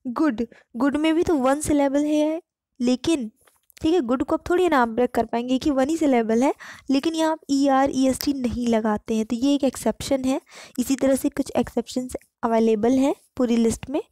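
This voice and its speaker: High-voiced woman teaching grammar. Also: dark tone, dry recording, clean studio sound. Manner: explains in Hindi, reads English examples slowly. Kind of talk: online grammar lesson.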